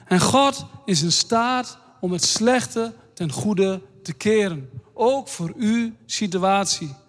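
A man preaching a sermon in a slow, earnest way, reading scripture aloud. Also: sits high, expressive. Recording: long hall reverb.

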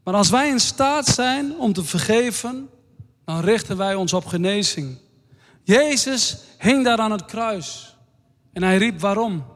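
A man preaching a sermon in a slow, earnest way, reading scripture aloud. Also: sits high, expressive, a bit bright. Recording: long hall reverb.

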